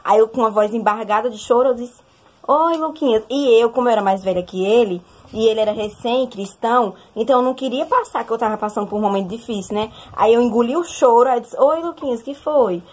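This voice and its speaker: A young woman with a slightly husky, higher-pitched voice tells her story in a lively, chatty way. She keeps turning to address her listeners directly as she recounts a personal testimony. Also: fast talker, hardly any pauses. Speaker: testimony speaker.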